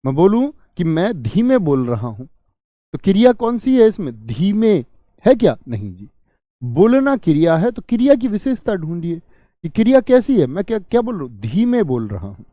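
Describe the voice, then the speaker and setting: Male teacher, online grammar lesson, asks questions and answers them, warm tone, dry close sound. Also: sits high, very animated, moderate pace, no echo. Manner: questions students and answers himself.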